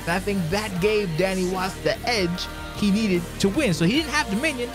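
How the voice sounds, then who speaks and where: A man giving conversational color commentary on wrestling, casual and salty, with halting phrasing. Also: high-pitched, over music.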